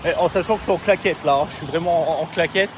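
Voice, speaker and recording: A man's voice: fairly high pitch, fast talker. A young man from France chatting in a casual diary vlog, talking loosely with many fillers and slang. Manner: rambling, lots of fillers and slang. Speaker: vlogger. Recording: phone vlog with street noise.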